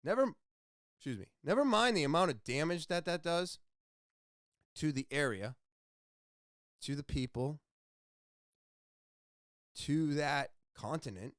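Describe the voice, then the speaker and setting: A man hosting his own podcast, delivering an impassioned solo opinion monologue that swings between ranting and quiet somber talk. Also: medium pitch, no echo, clean studio sound. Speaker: podcast host.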